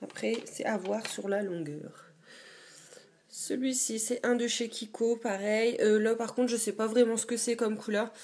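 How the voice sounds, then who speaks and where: A woman's voice: on the high side, steady tone, moderate pace, darkish tone. A young woman chatting casually about her own collection in a dim bedroom, hesitant and full of fillers. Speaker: beauty vlogger. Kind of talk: casual show-and-tell.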